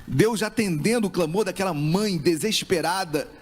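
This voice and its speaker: A man's voice: high voice, normal speed. A man preaching a sermon as pastor with a Brazilian Portuguese accent, speaking with passion and voicing a grieving mother's words. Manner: impassioned preaching, acting out a mother's voice.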